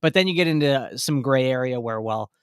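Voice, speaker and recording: Clear-voiced man chatting on a podcast. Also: medium pitch, lively intonation, fairly quick, no room sound, studio quality. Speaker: podcast co-host and guest. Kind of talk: casual podcast discussion.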